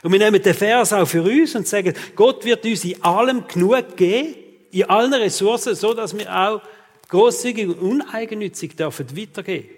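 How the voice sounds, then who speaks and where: A man's voice: high voice, normal speed, long reverb tail. A man, preaching a sermon as pastor and talking straight to his listeners, often tagging his sentences with "oder?". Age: 40s.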